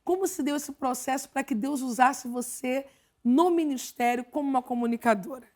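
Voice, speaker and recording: A Brazilian woman, a pastor hosting an interview, asking measured questions and affirming her guest. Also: high voice, a little mellow. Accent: Brazilian Portuguese. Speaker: pastor and host.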